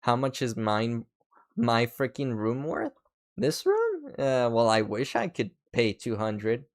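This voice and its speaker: A male streamer reacting to videos in loose, excitable chat. He swears freely and trips over himself, restarting sentences as he rambles at a mid pitch. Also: takes it slowly.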